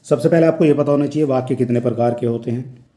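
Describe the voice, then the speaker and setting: Male Hindi tutor, very dark mellow voice, roomy echo, patient step-by-step exam walkthrough. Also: mid-range voice, quick pace. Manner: explains step by step, repeats each question aloud. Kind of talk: exam question walkthrough lesson. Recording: echoey room.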